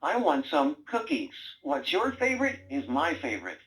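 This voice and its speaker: A man gives a wisecracking male talking brain robot toy a slightly high, fairly bright voice full of huge pitch swings, at normal speed. The toy teases its owner with sarcasm and bossy quiz-style prompts. Recording quality is low.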